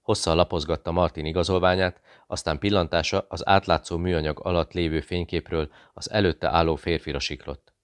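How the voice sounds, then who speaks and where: A man narrating an audiobook in a measured, even storytelling manner. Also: sits low, clean tone, no room sound.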